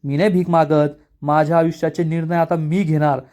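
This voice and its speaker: A man's voice: on the high side, flat delivery, brisk, close to an everyday voice. A man reading the lines of a furious young man who defies and accuses his father, raising his voice. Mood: defiant. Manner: shouting, accusing.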